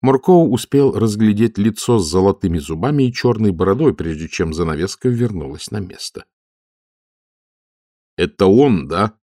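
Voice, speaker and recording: A man narrating an audiobook in a calm, even storytelling manner. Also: on the low side, fairly quick, hardly any pauses, dry recording, clean studio sound. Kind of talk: scripted narration.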